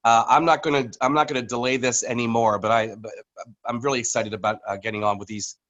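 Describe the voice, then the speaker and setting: A man's voice: medium pitch, steady tone, fast talker, a bit bright, muffled recording. Man, company executive, loose and chatty, lots of ums and restarts, video call mic. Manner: casual, rambling with many fillers and restarts. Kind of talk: business update on a video call.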